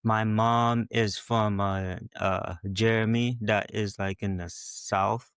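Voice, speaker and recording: Soft-spoken man from Haiti, hesitant. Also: on the low side, fairly even intonation, takes it slowly, smooth, no echo, clean studio sound. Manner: hesitant, many "like" and restarts. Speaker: guest. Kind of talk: interview conversation.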